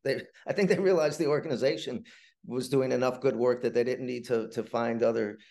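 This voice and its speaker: Speaking as an interviewee, a middle-aged playwright tells stories conversationally, hesitating, rambling and often repeating words. His voice has medium pitch, fairly even intonation and a warm tone.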